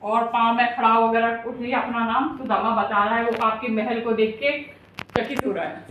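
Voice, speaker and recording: A woman's voice: fairly high pitch, fairly even intonation, normal speed, highs cut off, pitched below the performer's own voice, natural voice. Woman doing a dutiful palace gatekeeper. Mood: reporting. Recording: very echoey, distant, faint noise.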